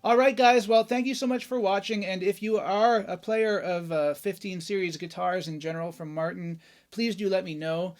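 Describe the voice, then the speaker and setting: A Canadian man hosts a laid-back guitar gear review, his voice sitting high at a normal speed. He's chatty and excited, dropping loose fillers and exclamations while an acoustic guitar plays behind him.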